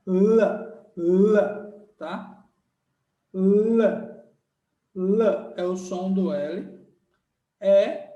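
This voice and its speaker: A man with a Brazilian Portuguese accent teaches letter sounds in a slow, high voice, drawing each one out and asking "right?" along the way. The recording is echoey and roomy, with the voice sitting a bit back from the microphone. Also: recorded from a distance. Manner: repetitive, emphatic teaching, checking in with "certo?" and "tá?"; sounds out letters slowly and loudly. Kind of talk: recorded online lesson. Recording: roomy echo, voice a bit off-mic.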